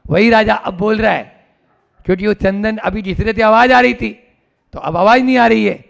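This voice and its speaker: High, gravelly-voiced monk giving a slow sermon. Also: male voice, fairly even intonation. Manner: slow, deliberate, prompts listeners to answer; plays with words and parables. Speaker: Jain monk.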